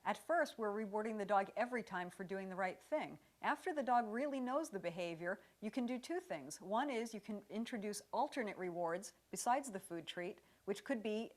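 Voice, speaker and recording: A woman teaching dog training, her voice calm and even. She explains each step clearly and patiently. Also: mid-range voice, normal speed, hardly any pauses. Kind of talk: instructional demonstration.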